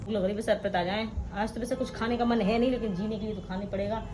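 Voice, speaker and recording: A young woman talks in an easy, chatty vlog manner at home and coaxes her child along between remarks to her viewers. Her voice sits at an ordinary middle pitch. There is clear background noise behind her. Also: steady tone, fast talker, a little mellow. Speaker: vlogger. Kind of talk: casual daily vlog chat. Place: home indoors.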